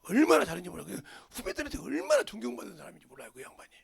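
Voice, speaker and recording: A male pastor from the region, preaching a sermon in an animated way and dropping into whispers for emphasis. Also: high voice, rapid-fire, gravelly. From Jeolla, Korea.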